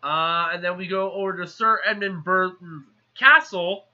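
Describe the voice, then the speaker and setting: A man giving a casual, rambling movie plot recap in a chatty, animated way. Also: high voice, unhurried. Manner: chatty, animated, acts out characters. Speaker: movie reviewer. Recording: slightly muffled lo-fi recording.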